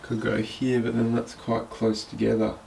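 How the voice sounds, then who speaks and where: A boat owner with the flu, sniffly and thinking aloud hesitantly, narrates a casual vlog while doing DIY wiring with his hands in a small boat cabin. His mid-range voice is monotone, creaky and a little mellow, at a moderate pace, with a noisy background.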